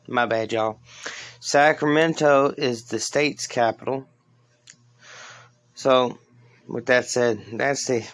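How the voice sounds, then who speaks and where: A man reading scripted narration as a podcast host, with casual asides and halting stumbles that he corrects. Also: mid-range voice, fairly bright tone. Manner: halting, stumbles over words and corrects himself.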